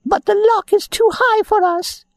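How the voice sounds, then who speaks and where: A man voicing a small, worried girl doll in a squeaky falsetto. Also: fairly even intonation, moderate pace.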